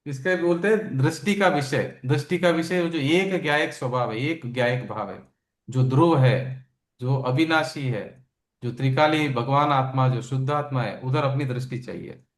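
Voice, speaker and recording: A man giving a spiritual scripture lesson, explaining slowly and asking his listeners questions, with homely examples. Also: mid-range voice, echoey room. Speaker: spiritual teacher.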